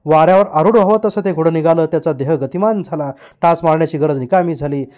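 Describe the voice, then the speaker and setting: A man's voice: a little high, fast, a little mellow. A man reading a novel aloud as an audiobook, narrating with vivid storytelling. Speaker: audiobook reader.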